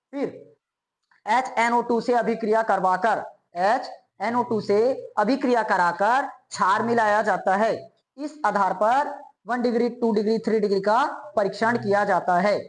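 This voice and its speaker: A woman's voice: on the high side, poor audio. A woman teaching a chemistry lesson, asking students repeated check questions and then answering them herself. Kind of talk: classroom lecture.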